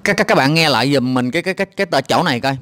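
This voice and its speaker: A man's voice: a little high, expressive, very fast, a bit bright, no echo, clean studio sound. Exasperated Southern Vietnamese man mocking a clip. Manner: exasperated and mocking, heavy hesitation fillers. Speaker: video commentator. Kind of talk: reaction commentary on a clip.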